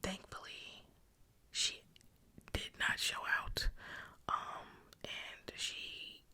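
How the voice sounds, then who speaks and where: A woman's voice: very slow, sharp tone. A woman whispering intimately and breathily in a casual, chatty ASMR ramble. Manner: intimate, unvoiced whispering throughout. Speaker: ASMR video creator.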